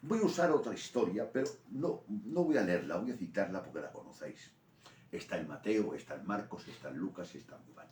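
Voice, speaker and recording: A man with a Spanish accent from Spain, preaching a sermon in an animated storytelling way. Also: low voice, a little fast, a little hiss or hum. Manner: animated storytelling preaching, rising to loud peaks. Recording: roomy echo from a distant mic.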